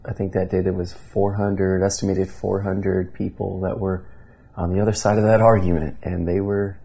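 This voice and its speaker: Being interviewed, an Indiana pastor in his thirties recounts stories earnestly, often restarting and using fillers. He speaks at normal speed with little pitch movement, in a low voice that's gravelly, husky and mellow.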